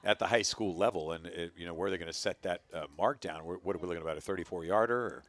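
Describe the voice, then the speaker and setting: A man giving color commentary on a high school football game, joking and teasing. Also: quick pace.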